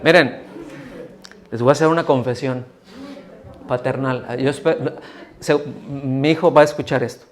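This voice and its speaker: Speaking at a measured pace with long pauses, a middle-aged male pastor delivers a sermon in a church hall in a medium-pitched, fairly even voice. He chats with the congregation, keeps asking them questions, and voices the people he quotes.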